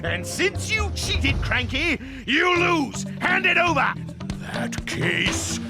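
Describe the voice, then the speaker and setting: A man voicing a pompous, scheming crocodile king, a blustering comic villain in a cartoon, with theatrical drawn-out words and sudden outbursts over music. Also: very high voice, very animated, exaggerated voice. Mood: indignant. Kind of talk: exaggerated cartoon villain acting.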